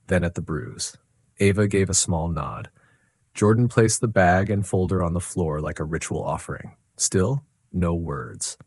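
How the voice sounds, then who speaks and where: Deep-voiced male narrator, husky and dry, steady scripted storytelling. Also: dry recording.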